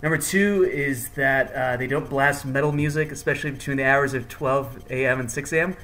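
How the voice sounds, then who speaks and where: A man's voice: medium pitch, brisk, sharp tone. A man hosting a podcast in a casual, jokey, hyped-up chatting style. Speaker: podcast host. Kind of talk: casual chat.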